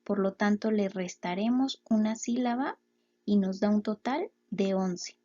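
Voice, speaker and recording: A woman teaching a lesson, explaining step by step and sounding out words slowly, syllable by syllable. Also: medium pitch, warm tone, highs cut off. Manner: slow, clear syllable-by-syllable explanations.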